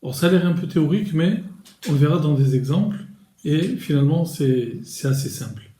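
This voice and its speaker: A man giving a recorded grammar lesson, explaining slowly and deliberately with pauses and small restarts. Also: fairly high pitch, expressive, warm tone, reverberant. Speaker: Hebrew grammar teacher.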